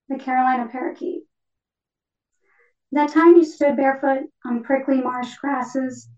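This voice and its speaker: A tender parakeet spirit, read by a woman in a high, lyrical voice. The poem comes over a dull, lo-fi online link from well back from the mic. The room around her is echoey. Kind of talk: poetry reading. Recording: distant echoey lo-fi online call.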